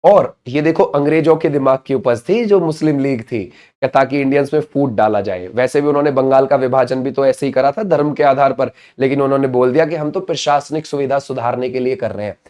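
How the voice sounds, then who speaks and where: A man's brisk, mid-range voice, a little mellow, leads an exam-prep session. As a coaching teacher, his style is drilling: he fires off questions he answers on his own and repeatedly uses catchphrases to confirm understanding.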